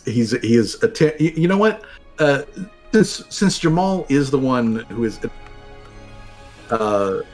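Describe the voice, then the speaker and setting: A man running a tabletop role-playing game as game master, narrating in a casual, halting and rambling way. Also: medium pitch, sing-song, a little mellow. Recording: music playing behind the voice. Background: background music.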